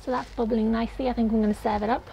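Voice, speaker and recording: A woman's voice: on the high side, steady tone, rapid-fire, creaky, mellow, dull audio, slight background noise. A young woman casually talking through a recipe step by step as she cooks in a small potting shed kitchen, picked up by a camera mic a short way off. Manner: chatty, explains each step while cooking. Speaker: cooking vlogger. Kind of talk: casual cooking demonstration.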